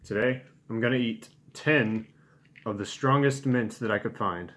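Filming from a small room in his home, a challenge video host in his twenties talks to camera in a relaxed, understated vlog chat. He speaks a little slowly, in a mid-range, fairly bright voice.

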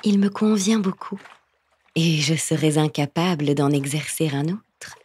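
A woman's voice: deep voice, unhurried, darkish tone, husky, recorded from a distance, exaggerated voice. A woman voicing a fearful young peasant boatwoman who pleads in a trembling, whispery voice. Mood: pleading.

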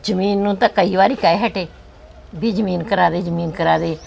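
An older woman playing a frail, loving village grandmother who gently consoles her daughter in a family drama. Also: lowish voice, fairly even intonation, normal speed, creaky. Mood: consoling.

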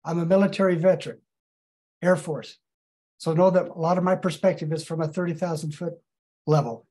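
Older Colorado man, high-pitched statement. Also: fairly even intonation, a little fast, a little mellow. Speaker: public commenter. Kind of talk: reading a prepared statement. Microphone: video call.

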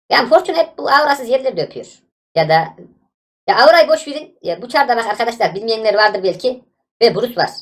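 Fast-talking, excitable woman gaming YouTuber. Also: medium pitch. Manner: excitable, exasperated, shouting at the game. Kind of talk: live gameplay commentary.

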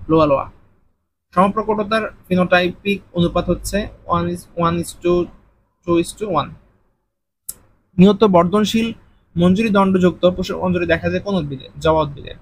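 A Bangladeshi man tutors through an admission test, reading each question and giving its answer briskly, dragging out difficult words. His voice sits a little high for a man. Faint noise hums behind the recording. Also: low-quality recording. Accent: Bangladeshi Bengali. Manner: brisk question-and-answer delivery, slows on hard terms. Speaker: exam tutor.

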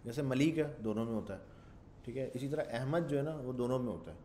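A man's voice: mid-range voice, a little fast, mellow. Male programming instructor, loose rambling lecture delivery with English tech terms, light background hiss. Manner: rambling, thinks aloud, mixes English terms into Urdu. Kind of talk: casual screen-share coding lecture.

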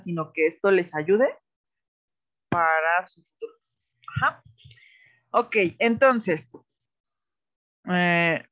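A woman's voice: fairly low pitch, fairly bright tone, no echo, muffled recording. A woman teacher with a Mexican accent giving patient, explanatory feedback in an online class, often checking that the students follow. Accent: Mexican Spanish.

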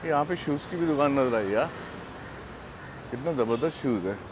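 A man's voice: mid-range voice, expressive. Middle-aged man vlogging on a busy street. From Pakistan. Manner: unhurried, chatty, many fillers. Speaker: travel vlogger. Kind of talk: casual walking vlog narration. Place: busy city street outdoors. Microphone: clip-on lapel mic. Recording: outdoor street noise. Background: street traffic.

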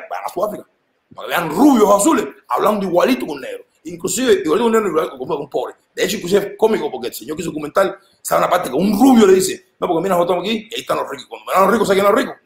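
A man with a Cuban accent talking in a casual conversation, animated and emphatic, his voice swinging up and down as he makes his points. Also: fairly high pitch, vocal fry, reverberant.

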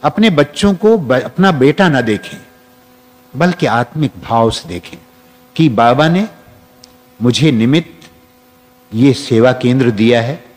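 A man's voice: medium pitch, lively intonation, unhurried, long pauses, darkish tone. A man giving a spiritual discourse to an audience, leading guided affirmations and repeating phrases. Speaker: spiritual teacher. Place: large hall with an audience. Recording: long reverb from a hall.

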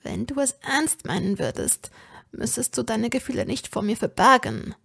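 A woman's voice: fairly high pitch, sing-song, moderate pace, gravelly, a bit bright, breathy edge, exaggerated voice. A woman voicing a determined teenage witch fighting off a possessing spirit, her lines strained and raised in a fantasy audiobook. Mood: resolute.

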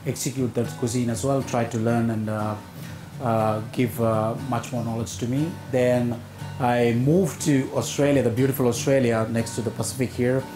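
A man's voice: medium pitch, steady tone, normal speed. A man in his forties with a South Indian accent, talking informally as a chef in an interview. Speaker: executive chef, interview guest. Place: open-air hotel pavilion demonstration table. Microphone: lapel mic. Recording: roomy echo, music underneath.

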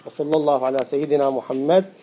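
A man with an Iraqi Arabic accent, a sheikh giving a classroom lecture on rhetoric. He explains by asking and answering his own questions and reads quoted lines slowly and deliberately. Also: on the high side, fairly even intonation, dark tone, slight background noise.

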